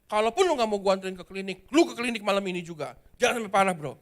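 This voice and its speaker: Preacher playing a frantic buddy, rushing and commanding. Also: male voice, sits high, animated. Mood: urgent. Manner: urgent, hurried commands. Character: urgent young male student friend with a car.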